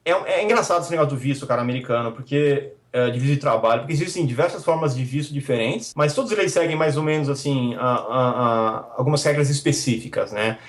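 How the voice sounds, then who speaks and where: A man's voice: mid-range voice, quick pace, few pauses. A Brazilian man with a São Paulo accent, a podcast guest telling stories animatedly and packing his talk with fillers. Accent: São Paulo Portuguese. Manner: animated storytelling, many fillers like cara and bicho. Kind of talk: casual interview chat. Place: remote, abroad.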